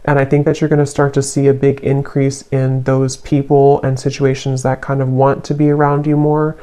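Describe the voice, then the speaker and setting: A tarot reader giving a card reading, unhurried and searching for words, with many soft fillers. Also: medium pitch, completely flat delivery.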